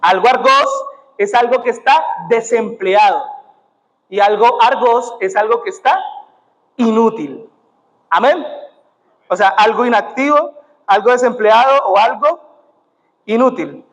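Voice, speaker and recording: A young Colombian man preaches in a high voice, tossing in "amén" as he goes. His voice carries a long reverb from the church hall. The sound is muffled and dull. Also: measured pace, pauses often, a bit bright. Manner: punctuates with "amén" and "gloria a Dios". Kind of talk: sermon. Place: church sanctuary.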